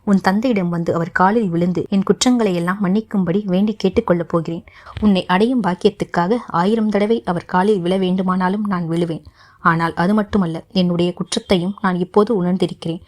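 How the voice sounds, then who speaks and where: A woman's voice: on the low side, steady tone, brisk, darkish tone, natural voice. A woman reading as an earnest young nobleman. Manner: earnest, pleading, solemn vows. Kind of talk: audiobook narration.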